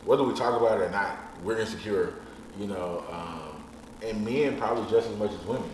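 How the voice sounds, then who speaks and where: A man's voice: on the low side, a little fast, a little mellow, distant mic. A man in his thirties, a podcast guest talking frankly and bluntly in casual chat, swearing casually. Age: 30s. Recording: echoey room, off-mic, faint noise.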